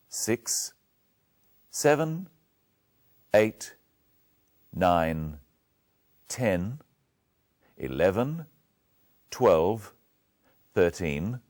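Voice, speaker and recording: A male English teacher walking learners through a lesson, speaking slowly and with great care. His voice is deep, and his intonation moves up and down a lot. He patiently drills the words one at a time. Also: a little mellow. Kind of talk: slow, clear lesson narration.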